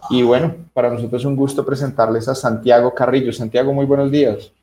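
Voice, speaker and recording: A man's voice: medium pitch, little pitch movement, quick pace, mellow, echoey room, a little hiss or hum. A man with a Colombian accent hosting a radio interview and introducing a guest conversationally. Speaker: radio show host.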